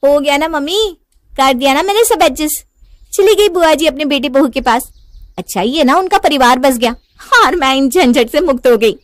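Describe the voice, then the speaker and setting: A woman voicing Naina, an indignant young bride who speaks in heated, shrill outbursts. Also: brisk, hardly any pauses, no echo, clean studio sound, natural voice. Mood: gleeful.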